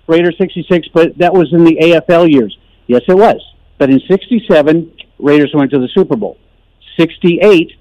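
A man's voice: fairly high pitch, warm tone, no room sound. A man calling a sports radio show by phone, talking casually and emphatically with strong opinions. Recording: dull, band-limited phone call.

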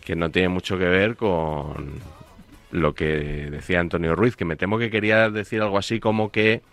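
A man's voice: low-pitched, moderate pace, creaky, fairly bright tone, no echo, faint music behind. A man hosting a casual sports talk show with wry, playful humor. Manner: wry, playful, plays clips and quizzes the assistant. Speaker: radio sports show host.

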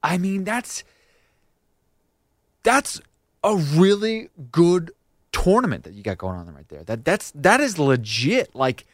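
A man's voice: fairly high pitch, very animated, takes it slowly, long pauses, dry recording, clean studio sound. Casual male podcast host, emphatic and colloquial. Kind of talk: casual MMA podcast talk and commentary.

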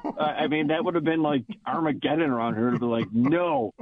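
A man's voice: fairly high pitch, fairly quick. Man calling in over a tinny phone line. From Buffalo, New York. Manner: rambling, chatty, cheerfully trash-talking. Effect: heard over the phone. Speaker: radio call-in caller. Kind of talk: casual sports talk call.

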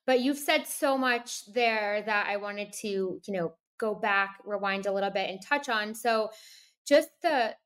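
A woman's voice: mid-range voice, measured pace, clear, resonant tone. A woman hosting a podcast, talking enthusiastically and reflecting back on her guest's story. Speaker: podcast host. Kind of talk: casual interview chat.

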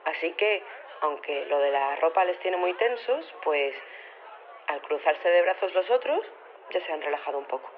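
A woman with a deep, expressive voice at normal speed acts as a robotics professor on the phone in audio fiction, taking an interview in a casual, matter-of-fact, unflappable mood. She rambles in an understated, colloquial style. The telephone filter makes it tinny, with clear background noise.

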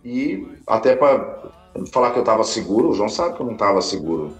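A man, a guest viola player, telling a story in an animated, slangy, casual way. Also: on the low side. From Brazil. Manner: animated, slangy, talks fast.

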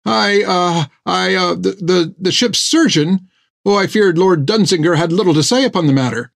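A man voicing a nervous, bookish male ship's surgeon who rushes and stammers. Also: high-pitched, vocal fry, fairly bright tone, dry recording, studio quality, pitched above the performer's own voice. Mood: flustered. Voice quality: fussy, hurried, stammering. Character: timid fussy bookish ship's doctor, male.

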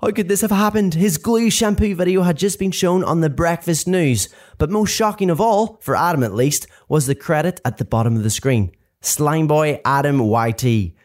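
A man reading his own book aloud in lively, animated storytelling. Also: a little high, moderate pace, hardly any pauses. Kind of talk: expressive audiobook narration.

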